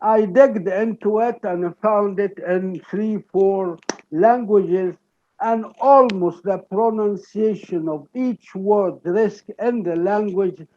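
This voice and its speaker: A man with an Egyptian Arabic accent giving an academic lecture, explaining deliberately and checking in with "okay?". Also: high voice, highs cut off.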